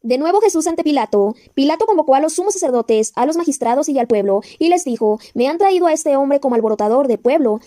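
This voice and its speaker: A woman with a high, soft and mellow voice reads scripture aloud as an audiobook narrator. Her delivery is measured and solemn, with the section headings read more slowly. The recording is close and dry, with no room sound. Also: expressive, no echo. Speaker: Bible narrator.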